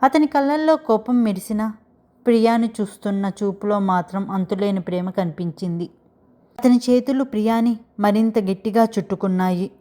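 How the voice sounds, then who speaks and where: Woman, storyteller, romance audiobook narration, steady expressive reading. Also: mid-range voice, moderate pace.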